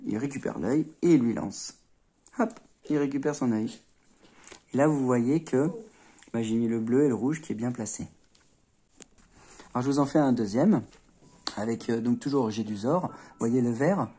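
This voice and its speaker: A man's voice: medium pitch, moderate pace, long pauses, dark tone, husky. Chatty man demonstrating moves, asking "ok?". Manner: chatty, checks in with "d'accord?", punctuates moves with "hop" and "tac". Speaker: Rubik's cube tutor. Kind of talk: casual hands-on tutorial.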